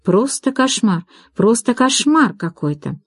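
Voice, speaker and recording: A woman reading the lines of a sharp-tongued young woman in an audiobook, ironic and snappy. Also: mid-range voice, normal speed, no echo, clean studio sound, lightly acted. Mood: musing.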